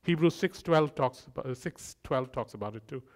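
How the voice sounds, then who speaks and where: A man's voice: mid-range voice, expressive, brisk. A man preaching a sermon in a conversational way, with humorous asides and repeated phrases that build up.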